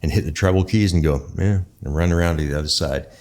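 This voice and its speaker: Deep-voiced man explaining thoughtfully. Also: a little mellow. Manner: thoughtful, halting explanations with pauses. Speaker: guest expert, bass maker. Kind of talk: conversational interview answers.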